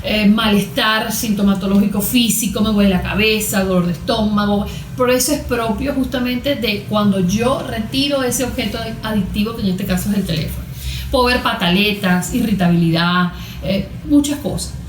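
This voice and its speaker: Here the guest expert, a Venezuelan cognitive therapist, talks at a moderate pace in a mid-range voice, frequently voicing brief hypothetical scenarios during a relaxed interview. The room sounds echoey, with a slight hiss or hum.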